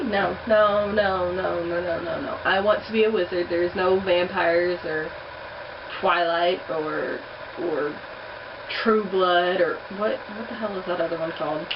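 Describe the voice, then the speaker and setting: In a casual accent challenge vlog, a young woman speaks slowly in an animated mid-range voice, blunt and sometimes swearing. The home recording is distant and muffled, with heater noise in the background.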